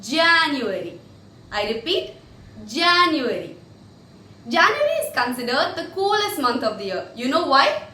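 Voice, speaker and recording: Woman, teacher, bright voice, echoey room. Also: high-pitched, huge pitch swings, a little hiss or hum. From India. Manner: repeats each word slowly and clearly for learners. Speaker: English teacher. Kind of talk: spoken English lesson.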